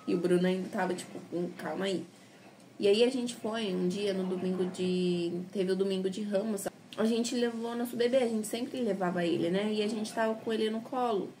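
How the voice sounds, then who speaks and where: A young adult woman with a Brazilian Portuguese accent shares her conversion story as casual personal testimony, chatty and rambling, full of tag questions. Her mid-range voice is brisk and dark-toned, and there's noise in the background of the recording.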